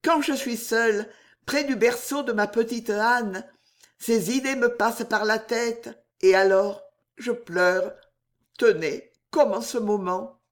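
A woman's voice: on the high side, slow pace, pitched above the performer's own voice. Woman reading as a tender young courtesan. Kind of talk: audiobook character reading.

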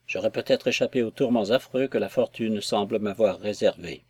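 A man's voice: on the low side, fairly quick, a little mellow, slightly rough, dry recording. A fervent, anxious young suitor pleading his love, dry close sound, read by a man.

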